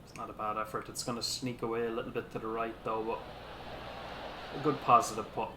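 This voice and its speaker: A man's voice: fairly low pitch, flat delivery, a little fast, noisy background. A man casually commentating on his own gameplay, understated and muttering to himself, with occasional swearing. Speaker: video game player commentating. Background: golf game audio.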